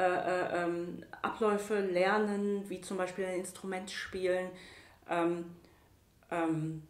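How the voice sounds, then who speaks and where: A middle-aged musician and singer from Yaoundé, Cameroon, answers interview questions reflectively, searching for words and often repeating them, in a voice on the low side. She sits by a table in a small, bright indoor room, and the recording has roomy echo, music underneath, and slight background noise.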